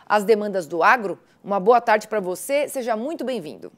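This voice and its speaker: A woman anchors a television news interview. Her voice sits at an ordinary pitch. She asks short, courteous questions. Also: animated, normal speed.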